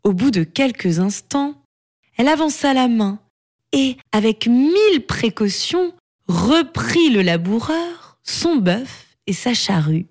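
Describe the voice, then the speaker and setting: A woman narrating a children's story in a slow, expressive reading voice. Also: on the high side.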